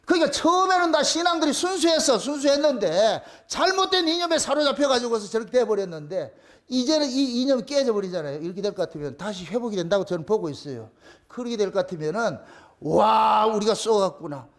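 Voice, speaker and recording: Male pastor, very high and lively delivery, emphatic, plain-spoken, repeats key lines. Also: quick pace. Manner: blunt, colloquial, crude at times. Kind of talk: sermon. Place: church.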